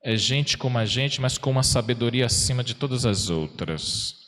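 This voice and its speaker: A man with a Brazilian Portuguese accent, a parish priest preaching a sermon in a church, folksy and plain-spoken, asking the congregation questions and slowing down for emphasis. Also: medium pitch, expressive, fairly bright tone. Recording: long church reverb.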